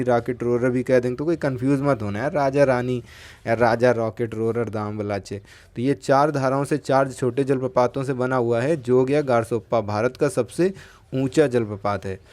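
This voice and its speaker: A man's voice: mid-range voice, a little mellow. A man teaching exam geography, talking in a chatty way and asking and answering his own questions. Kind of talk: lecture with memory tricks.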